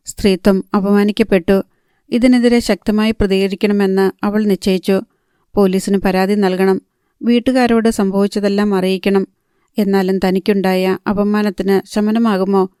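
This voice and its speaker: Calm woman reading a novel. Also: mid-range voice, clear, resonant tone, no room sound, clean studio sound. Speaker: audiobook narrator. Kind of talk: novel narration.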